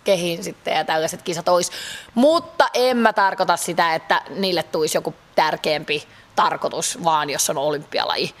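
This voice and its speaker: A woman in her thirties from Finland, a pole dance athlete answering interview questions in a chatty way with many fillers. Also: lowish voice. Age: 30s. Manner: chatty, frequent fillers, laughs easily.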